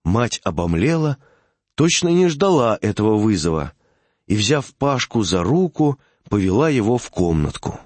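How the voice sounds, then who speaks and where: A man narrating a classic short story in a measured, expressive reading. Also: lowish voice, dry recording.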